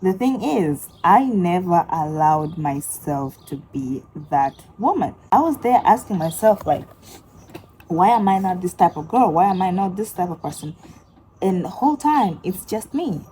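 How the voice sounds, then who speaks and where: Young female vlogger, low warm voice, chatty and rambling, faint background hiss. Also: measured pace, low-quality recording. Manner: chatty, lots of fillers, swings into animated outbursts. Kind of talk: casual storytelling to camera.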